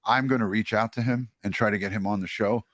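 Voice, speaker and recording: A man talking casually and appreciatively as a livestream host, in a halting way with pauses. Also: on the low side, steady tone, a bit bright, no room sound, studio quality. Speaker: true crime livestream host. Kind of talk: casual livestream talk and sign-off.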